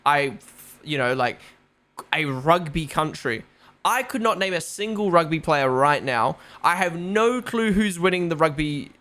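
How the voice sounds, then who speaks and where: Hosting a live stream watch-along, a young man with a New Zealand accent chats loosely, swearing and using plenty of fillers. He sounds a little high and animated, with a sharp tone and measured pace.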